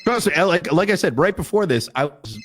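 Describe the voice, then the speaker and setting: A man playing a police officer who leads calls, explaining things in a measured, frustrated way. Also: high voice, expressive, fairly bright tone, soft background music. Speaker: police officer leading calls in a roleplay game. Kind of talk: in-character discussion.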